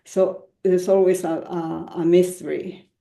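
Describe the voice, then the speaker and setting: Slow, gravelly woman poet from Ecuador. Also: lowish voice, level tone, warm tone, echoey room. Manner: hesitant, many fillers and laughs. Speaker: featured poet. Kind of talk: panel discussion answer.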